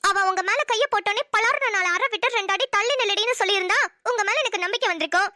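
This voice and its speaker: A woman's voice: extremely high pitch, fast, pushed and bright, dry recording, studio quality. A woman voicing a hot-tempered young wife in a cartoon, a medical student who scolds and threatens sharply. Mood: scolding. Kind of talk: cartoon voice acting.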